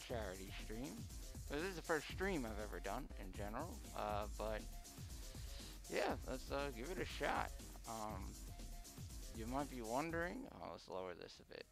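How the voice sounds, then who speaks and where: A man livestreaming casually and haltingly, his voice muffled by a face mask. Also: on the low side, gravelly. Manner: halting, hesitant, unpolished first-time streamer. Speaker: live streamer. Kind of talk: casual unscripted livestream chat.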